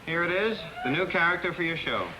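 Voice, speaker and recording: An actor playing an excitable young husband and comic-book artist in a 1960s sitcom, talking fast and anxiously. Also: male voice, on the high side, close to an everyday voice. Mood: excited. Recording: noisy TV audio, loud studio audience.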